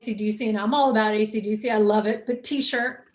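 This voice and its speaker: A woman recruiter, a guest on a video-call interview, telling animated stories and laughing often. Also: medium pitch, a little fast. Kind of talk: casual storytelling in an interview.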